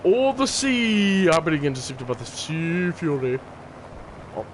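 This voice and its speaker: A man's voice: a little high, sing-song, unhurried, a little hiss or hum. A man streaming a game and chatting casually, rambling, repeating himself and laughing often. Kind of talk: casual gameplay commentary.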